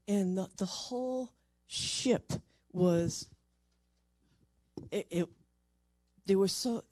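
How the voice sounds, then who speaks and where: A paranormal investigator giving a lively storytelling talk at a convention and acting out the people quoted. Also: medium pitch, no echo. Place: convention stage or panel room.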